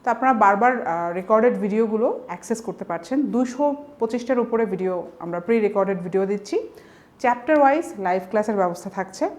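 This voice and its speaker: A woman's voice: medium pitch, animated, brisk, a little mellow. A woman with a Bangladeshi Bengali accent teaching an online vocabulary lesson, explaining step by step and posing frequent rhetorical questions. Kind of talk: online exam-prep lecture.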